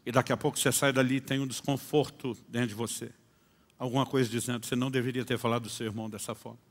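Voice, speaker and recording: A male pastor preaching a sermon, telling stories and acting out dialogues, moving between hushed and loud delivery. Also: mid-range voice, flat delivery, very fast. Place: church conference hall. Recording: long hall reverb.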